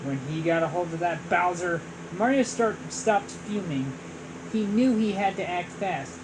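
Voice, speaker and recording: Lady reading a kids' book out loud, slow and lively, air con humming in the room. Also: fairly low pitch, noisy background. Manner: slow, with frequent restarts and self-corrections. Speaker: storybook reader. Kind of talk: reading a storybook aloud.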